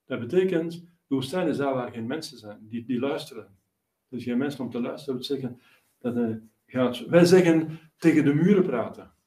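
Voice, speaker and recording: A man's voice: medium pitch, fairly quick, darkish tone. A male priest preaching a sermon, explaining at length with many fillers and restarts. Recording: roomy echo, voice from a distance.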